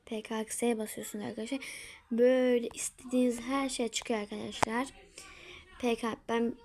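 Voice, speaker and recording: A chatty woman with a fairly high voice walks her viewers through a casual tutorial from home, speaking to them as friends. She often sinks into a near-whisper while she works, then comes back to full voice. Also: flat delivery, moderate pace, noisy background. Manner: drops to a whisper while working. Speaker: tutorial maker.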